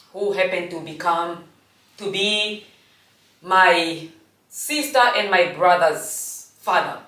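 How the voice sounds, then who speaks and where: Low-voiced woman in her forties. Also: a bit bright. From Namibia. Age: 40s. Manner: halting, reflective, restarts often. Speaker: host. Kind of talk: personal storytelling monologue. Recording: echoey room, distant from mic.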